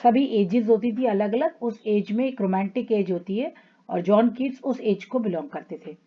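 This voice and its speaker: A woman teacher explaining a poem to schoolchildren, mixing Hindi and English and reading English passages slowly. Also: mid-range voice. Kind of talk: classroom lesson explaining a poem. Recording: dull lo-fi recording.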